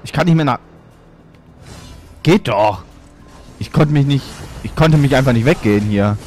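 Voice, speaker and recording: A man's voice: mid-range voice, normal speed, darkish tone, soft background music. A man giving gameplay commentary as a let's player, with playful, boastful trash talk.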